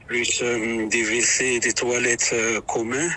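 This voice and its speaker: A man's voice: mid-range voice, little pitch movement, measured pace, pushed and bright. A man talking as a property owner in a phone call, heard through a speakerphone, hesitant and repeating his words as he thinks. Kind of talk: phone conversation. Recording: phone speaker with crowd noise.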